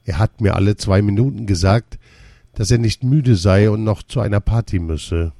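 A man reading a first-person story as a care worker, calm and measured. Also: fairly low pitch, creaky, dry recording, clean studio sound.

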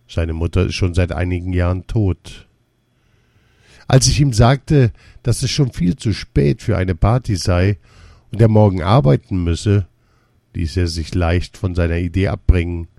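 A man reading a first-person story as a care worker, calm and measured. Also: sits low, no echo, studio quality.

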